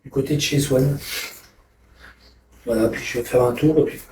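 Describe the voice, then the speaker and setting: A man's voice: mid-range voice, steady tone, normal speed, noisy background. A man in a rambling live stream chat, irritable and swearing constantly, talking from a friend's apartment.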